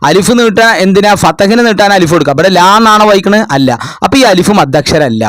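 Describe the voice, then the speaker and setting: A man's voice: sits high, lively intonation, fast, a bit bright, no echo. A man tutoring children in a revision lesson, patiently asking questions and answering them himself. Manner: explains patiently, asks and answers his own questions. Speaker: madrasa tutor.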